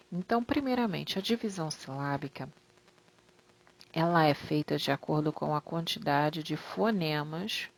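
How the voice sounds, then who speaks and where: Woman, low voice, teacher, slide lesson, slow careful explaining, drawn-out example words, fond toward pupils. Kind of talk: slide-based grammar lesson.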